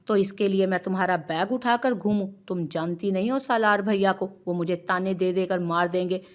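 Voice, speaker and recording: A woman's voice: mid-range voice, normal speed, close to an everyday voice. A woman voicing a teasing, affectionate young husband in an audio novel, with an exasperated edge.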